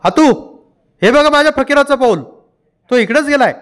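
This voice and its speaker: A man's voice: very high-pitched, animated, normal speed, a bit bright, voice pushed up. A man voicing a desperate young village mother crying out for her lost son, in a novel reading.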